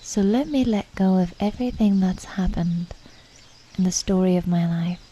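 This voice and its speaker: A woman guides a meditation with a fairly low voice, speaking calmly and without hurry in a reflective way. Her phrases trail off softly and breathily, and she leaves pauses between her thoughts.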